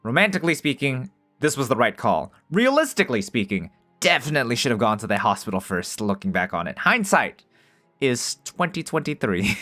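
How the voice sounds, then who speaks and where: This time the narrator's voice sits mid-range, sharp and very animated, running a little fast with soft music behind it. He reads the visual novel's lines aloud, then drops into loose asides full of jokes and free swearing.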